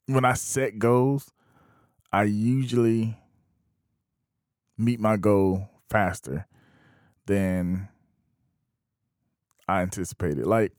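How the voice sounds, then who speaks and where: A man in his thirties talking casually to camera, thinking aloud with frequent pauses. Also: on the low side, darkish tone, no room sound, clean studio sound. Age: 30s. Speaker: vlogger. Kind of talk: casual opinion monologue.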